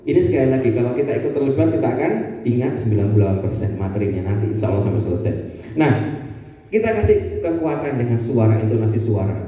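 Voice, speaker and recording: Energetic man in an echoey hall. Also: medium pitch, fast talker, far from the mic. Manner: energetic, call-and-response, shouts counting cues. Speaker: ustaz giving a talk to parents. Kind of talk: lively interactive religious talk. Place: school hall.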